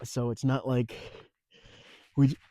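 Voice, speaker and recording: A man talks through fixes around his off-grid camper in an easygoing, rambling way, full of fillers and restarts. He has the hiccups, and his voice sits at a medium pitch. The sound is dry and close, recorded on a handheld phone. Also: little pitch movement, measured pace, dark tone, no echo. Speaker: off-grid homesteading vlogger. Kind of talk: casual walkthrough vlog. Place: outdoors and inside a camper on a rural off-grid homestead.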